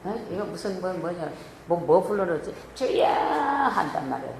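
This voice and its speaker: A woman's voice: lowish voice, brisk, gravelly, noisy background. A woman pastor giving an emphatic, colloquial sermon.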